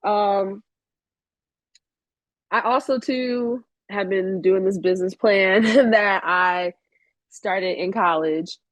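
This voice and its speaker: A podcast guest in her late twenties takes her time, pausing often in a medium-pitched voice with no room sound. The interview is casual, and she speaks frankly, swearing a lot and letting laughter creep into her words.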